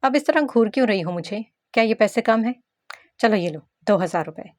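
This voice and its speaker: A woman's voice: medium pitch, animated, fairly quick, no echo, clean studio sound, voice pushed up, lightly acted. A woman voicing an exasperated twenty-year-old man, indignant and flustered.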